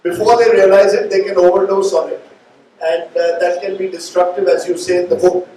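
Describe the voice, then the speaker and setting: A man's voice: sits high, level tone, fairly quick, mellow. A middle-aged man with an Indian accent, hosting a live interview with long, reflective, meandering questions. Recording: echoey room, distant mic, faint noise.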